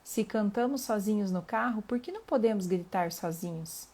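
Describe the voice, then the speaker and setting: A middle-aged woman with a Brazilian accent, hosting a reflective live talk on emotions and reading passages aloud in a calm, earnest way. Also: mid-range voice. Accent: Brazilian Portuguese. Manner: calm and earnest, pausing with fillers, asking the listener questions.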